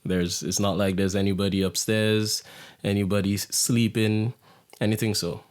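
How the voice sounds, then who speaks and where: A young man, hosting a podcast in a reflective, soft-spoken monologue. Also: flat delivery, moderate pace. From Saint Lucia. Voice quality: low gravelly voice. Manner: reflective, soft-spoken, drops into hushed near-whisper. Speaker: podcast host. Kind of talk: casual monologue.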